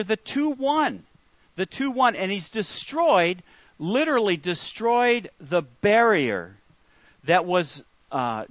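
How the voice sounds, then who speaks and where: A man's voice: sits high, fairly bright tone, no room sound, lo-fi sound. A man preaching a sermon in an earnest, emphatic way, repeating his key phrases.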